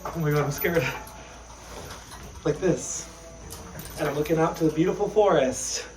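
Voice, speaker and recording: A man's voice: a little high, normal speed, darkish tone, a little hiss or hum, poor audio. A man giving a chatty, upbeat walking tour in the woods, filmed on a phone he holds as he goes. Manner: chatty, upbeat, lots of "like" fillers. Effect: filmed on a handheld phone. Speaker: travel vlogger. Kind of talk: casual vlog walk-through. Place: outdoors in woods. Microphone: phone held while walking.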